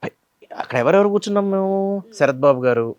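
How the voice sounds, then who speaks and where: A man in his thirties speaks as an interview guest, racing through memories at a brisk clip. His voice sits a little high and sounds dry and close. He mixes English phrases into his speech and acts out the lines he quotes. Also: lively intonation, a little mellow, clear, resonant tone, no echo, lo-fi sound. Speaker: actor guest recalling childhood films. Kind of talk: casual interview storytelling.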